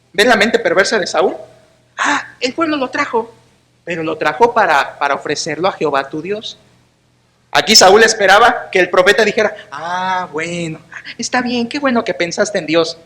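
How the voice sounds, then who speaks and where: A pastor delivering a sermon in a church, a man whose voice sits notably high and sounds bright and sharp. He preaches with emphatic, sarcastic force and acts out the quoted lines, with a Mexican Spanish accent.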